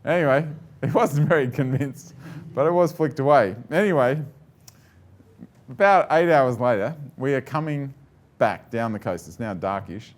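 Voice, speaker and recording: A man's voice: medium pitch, expressive, normal speed. Chatty man giving a live tech talk. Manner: chatty, joking, with many fillers and restarts. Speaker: presenter. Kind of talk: live tech presentation to an audience.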